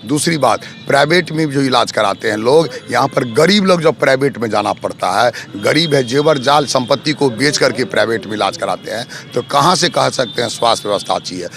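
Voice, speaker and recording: A man running as a local election candidate, answering interview questions in a forceful, accusatory way, piling up lists of grievances. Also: mid-range voice, expressive, brisk, creaky, hardly any pauses, soft background music.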